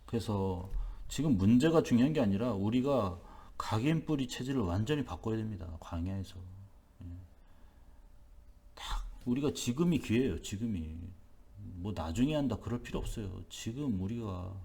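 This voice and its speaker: A man's voice: on the low side, expressive, normal speed, warm tone. A male pastor giving an early-morning sermon, emphatic and repetitive, asking rhetorical questions. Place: church.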